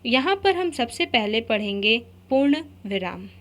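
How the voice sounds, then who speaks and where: A woman teacher explains grammar at a slow, measured pace. Her voice sits a little high, and she repeats each example with care. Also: sing-song, a bit bright. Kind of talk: grammar lesson.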